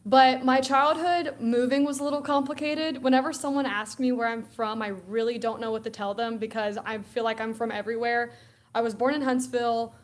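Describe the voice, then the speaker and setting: As a guest co-host, a young adult woman from Alabama, USA, chats casually about college football. Her voice sits a little high with fairly even intonation, and she talks briskly in a loose, chatty way. She laughs often and acts out quoted bits of conversation.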